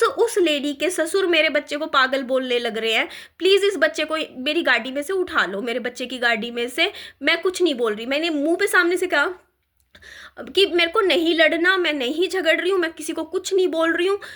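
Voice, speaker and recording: A woman's voice: high voice, bright, forceful tone. A young woman ranting in a vlog, upset and stumbling, restarting her sentences as she vents. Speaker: vlogger. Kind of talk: emotional vlog rant.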